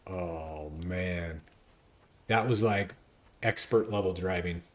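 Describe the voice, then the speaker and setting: A man streaming a video game, giving excitable, chatty commentary to his chat. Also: low voice, takes it slowly. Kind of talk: casual gameplay commentary.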